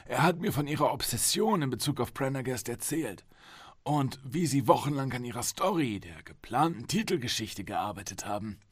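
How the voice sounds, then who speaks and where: A smug police psychologist in his forties talks down calmly and slowly in a storybook reading, as a male reader plays him. His voice sits higher than the reader's own and has a lively pitch. The room is dry. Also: husky, no room sound. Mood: patronizing. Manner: condescending, calm and slow. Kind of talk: audiobook reading.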